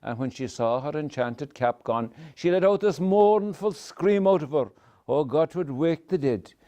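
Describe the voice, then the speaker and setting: An older man with a Kerry Irish accent tells a folk tale to live listeners in a lilting, wry manner with dramatic pauses. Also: on the high side, animated, mellow, muffled recording. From County Kerry, Ireland. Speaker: traditional storyteller. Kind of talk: oral folk storytelling to a live audience.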